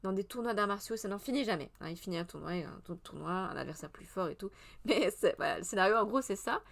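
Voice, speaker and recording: A woman's voice: medium pitch, lively intonation, fast talker, vocal fry, a bit bright. A woman in her thirties hosting a casual live press review, chatty and meandering, with many hesitations and self-corrections, answering her chat as she goes. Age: 30s.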